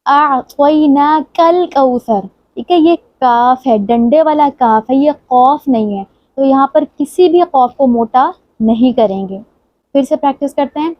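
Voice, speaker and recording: A woman teaching tajweed, patiently explaining each sound and reciting the words slowly and drawn out. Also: high voice, dry recording, highs cut off. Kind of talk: tajweed lesson with slow recited examples.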